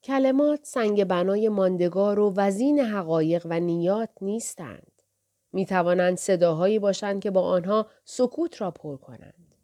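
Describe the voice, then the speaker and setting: A woman reads a literary novel aloud in a calm, measured voice of middling pitch. She keeps it soft and sometimes drops nearly to a whisper. The delivery is steady audiobook narration. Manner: soft, measured, often dropping near a whisper.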